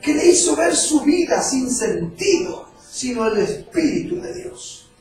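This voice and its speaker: A man's voice: very high-pitched, sing-song, a little slow, a little mellow. A man, an evangelist preaching a sermon and telling his own testimony with emotion. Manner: emotional storytelling preacher, acting out quoted voices. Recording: echoey far-off mic with faint music.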